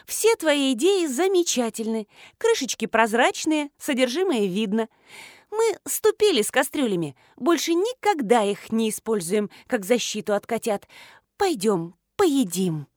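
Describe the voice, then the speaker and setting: Eager chirpy woman, voiced by the reader, high and bouncy. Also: big pitch swings, measured pace, no room sound, clean studio sound. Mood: soothing. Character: fussy cheerful woman, doting fake wife.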